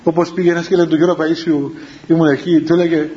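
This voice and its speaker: A man's voice: a little high, little pitch movement, dark tone. A man, a monk, gives a spiritual talk full of anecdotes, repeating his phrases and calling his listeners children. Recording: dull lo-fi with faint background hiss.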